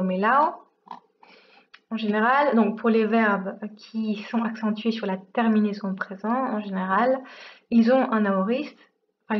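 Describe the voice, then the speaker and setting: A woman's voice: mid-range voice, lo-fi sound, slight background noise. Chatty woman teaching a language lesson. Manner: chatty, explains step by step, rhetorical questions. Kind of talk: casual video lesson.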